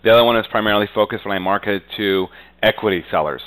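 A man interviewed as a real estate agent talks conversationally and with confidence, often punctuating his speech with "you know." His voice is on the low side, fast, fairly bright, clear, and resonant, though the audio quality is poor.

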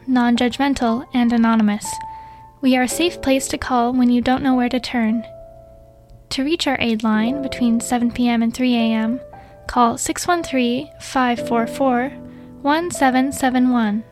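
A woman reading a public service announcement in a calm, reassuring way. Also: fairly high pitch, unhurried, soft background music.

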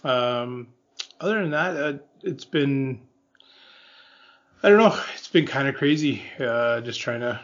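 A man chatting casually among friends in a hesitant, low-key way. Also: animated, measured pace, long pauses, fairly bright tone, muffled recording. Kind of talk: casual group chat.

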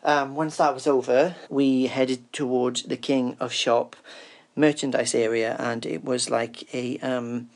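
A man's voice: medium pitch, steady tone, a little slow. A man giving an informal first-person report on an event as a roving reporter. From Cardiff, UK.

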